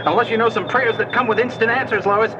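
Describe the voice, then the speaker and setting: An actor playing a gruff, wisecracking pilot in a 1980s audio drama, with a dry, clipped delivery. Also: male voice, high voice, steady tone, fast talker, lightly acted. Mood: grim. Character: gruff, wisecracking plane captain. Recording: dull cassette sound with engine noise.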